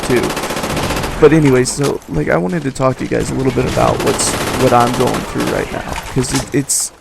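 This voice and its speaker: A man in his twenties giving casual video game commentary, halting, stuttering and mumbling. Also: medium pitch, steady tone, vocal fry, very noisy. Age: 20s. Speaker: gaming YouTuber doing commentary. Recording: voice over loud game gunfire.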